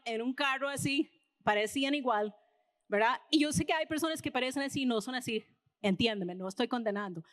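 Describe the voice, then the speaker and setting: A high-voiced woman with an American accent preaches in Spanish, speaking as if chatting with her congregation and often tagging her points with a quick question. Her voice carries the long echo of a church hall. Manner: casual storytelling, tags lines with "¿verdad?". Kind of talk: conversational sermon. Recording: reverberant hall.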